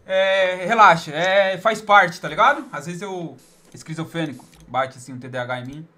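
A man's voice: a little high, animated, brisk, pushed and bright. A young man live-streaming a game, chatting with viewers in a teasing, over-the-top way.

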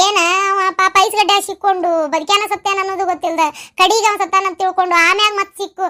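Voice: very high-pitched, bright, forceful tone. A performer voicing a worried village mother with a North Karnataka accent, pleading with her only son in a cartoon. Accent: North Karnataka Kannada. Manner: pleading, insistent. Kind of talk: cartoon voice acting.

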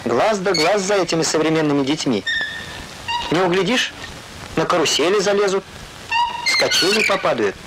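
A man's voice: high voice, lively intonation, heavy background noise. Man narrating an old 1980s documentary. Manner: measured and dryly ironic. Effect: old 1980s documentary film narration.

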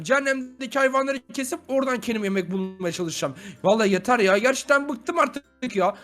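A man playing a grumpy, unlucky young man in an animated game video, grumbling and exclaiming often. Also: very high voice. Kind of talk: animated game role-play.

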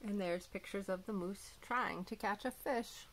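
A woman teacher reading a storybook aloud to young children, gentle and clear, with small asides about the pictures. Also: mid-range voice, measured pace, noisy background.

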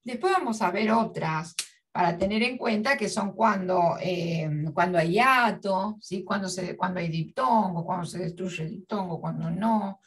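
A woman teacher giving a literature lesson, slowly spelling out syllables and repeating her examples. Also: lowish voice, far from the mic. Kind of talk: classroom lesson.

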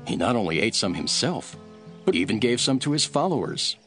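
An actor playing Jesus as a calm, authoritative teacher in a dramatised scripture reading, measured and solemn. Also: male voice, medium pitch, soft background music. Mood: firm.

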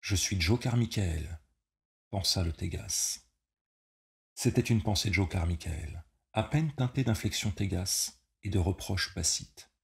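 A man reading a novel aloud as narrator, in a slow, measured, dramatic delivery. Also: sits low, gravelly. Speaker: audiobook reader. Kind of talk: scripted narration.

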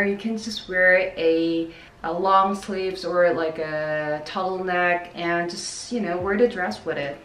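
A woman's voice: lowish voice, fairly bright tone, slight background noise. A woman, chatting casually to camera about clothes she bought, full of "like" fillers. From South Korea. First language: Korean. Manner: chatty, many "like" fillers, upbeat. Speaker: fashion vlogger. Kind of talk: casual try-on haul talk to camera. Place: plain indoor room by a wall. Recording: echoey room with music bed.

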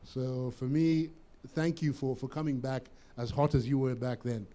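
Earnest man with a mellow voice. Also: medium pitch, moderate pace. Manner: earnest, reflective, repeats words as he thinks. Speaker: guest. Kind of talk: casual interview chat.

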